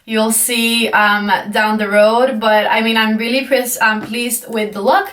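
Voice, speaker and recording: A woman's voice: fairly high pitch, little pitch movement, unhurried, fairly bright tone, distant mic. A young woman giving a casual makeup tutorial, chatty and apologetic with plenty of fillers, her voice groggy from just waking up. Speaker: beauty vlogger. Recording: echoey room, mic set back.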